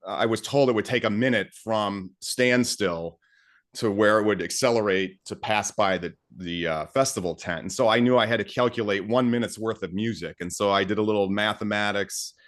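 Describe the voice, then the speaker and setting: Low-voiced man, chatty composer guest. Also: normal speed. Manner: enthusiastic, many fillers and restarts. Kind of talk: casual interview talk.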